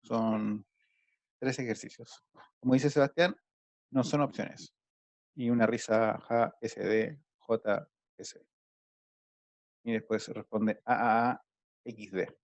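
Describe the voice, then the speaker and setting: A man's voice: mid-range voice, steady tone, slow pace, pauses often, dry recording. A man teaching an online math class, patiently explaining each step to his students over a video call.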